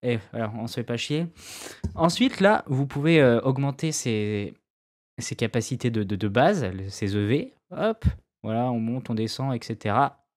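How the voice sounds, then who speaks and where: A man's voice: mid-range voice, animated, moderate pace. A man giving a casual, slangy gaming tutorial, talking loosely with self-mocking asides. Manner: loose, slangy, with many fillers and restarts. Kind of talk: casual screen-recorded tutorial.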